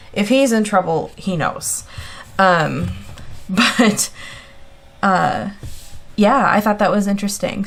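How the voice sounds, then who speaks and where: A woman's voice: medium pitch, vocal fry. A woman chatting casually as she sets up a planner on video, counting aloud and laughing at her own slips. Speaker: planner vlogger. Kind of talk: casual chat while drawing a planner layout.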